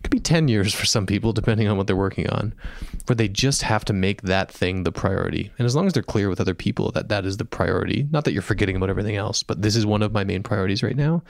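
Gravelly-voiced male podcast host. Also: fairly low pitch, quick pace, no echo, clean studio sound. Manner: thoughtful, summarizing guests' patterns. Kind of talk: interview questions and reflections.

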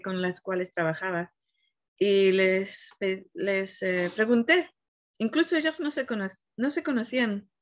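A woman spiritual teacher in a reflective, conversational talk, retelling a story in an animated way and often searching for the right word. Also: medium pitch.

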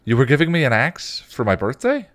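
A man's voice: medium pitch, very animated, fairly quick, no echo, pitched above the performer's own voice, close to an everyday voice. A man reading aloud and voicing a commanding young woman who fights monsters. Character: bossy young woman, vampire slayer.

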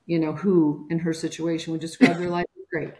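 A woman's voice: low voice, little pitch movement, a little fast, darkish tone, reverberant. A woman guest on a podcast interview, telling a personal caregiving story and acting out the voices of people she quotes.

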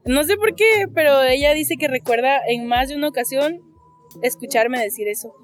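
High-voiced Mexican woman telling a story. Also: normal speed, soft background music. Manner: acts out quoted voices with big pitch jumps. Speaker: guest interviewee. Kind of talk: casual storytelling. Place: outdoors on a street.

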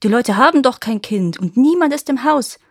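A woman's voice: high voice, animated, normal speed, no room sound, clean studio sound, pitched above the performer's own voice. A woman reading a fairy tale, voicing a suspicious, blustering army officer.

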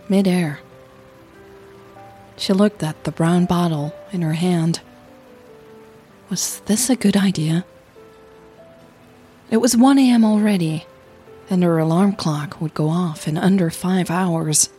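A woman podcast host reads scripted audio drama narration with a lowish, warm voice. Her delivery is measured and intimate, with deliberate pauses.

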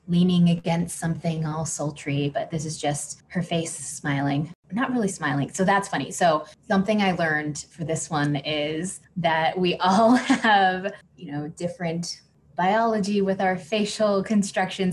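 Low-voiced chatty woman podcaster. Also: steady tone, normal speed, slight background noise. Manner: chatty, frequent "like" fillers, laughs often. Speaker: podcast host. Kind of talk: casual chat.

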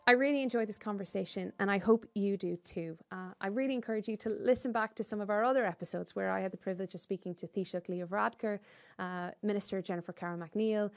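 A woman with an Irish accent hosting a podcast and interviewing guests in a conversational style. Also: mid-range voice. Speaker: podcast host.

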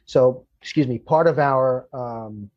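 A man who works as a firefighter, telling a long personal story in conversation, halting and restarting as he goes and growing emotional. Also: mid-range voice, highs cut off. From Florida. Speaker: firefighter guest.

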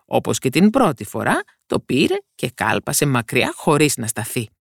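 A woman narrating a fairy tale for a podcast, expressive and switching voices for characters. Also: a bass voice, gravelly, no echo, studio quality. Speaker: storyteller.

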